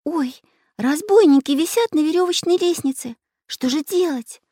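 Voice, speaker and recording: A woman's voice: fairly low pitch, steady tone, fairly quick, dark tone, slightly rough, dry recording, studio quality. A woman voicing a frightened little girl in an audiobook, speaking in fearful exclamations.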